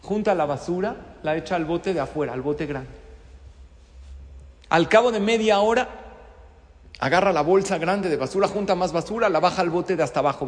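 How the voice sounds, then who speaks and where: Middle-aged man, rabbi's sermon, fairly high voice, rhetorical questions, long reverb. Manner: animated storytelling with rhetorical questions. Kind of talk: sermon with a story. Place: synagogue study hall.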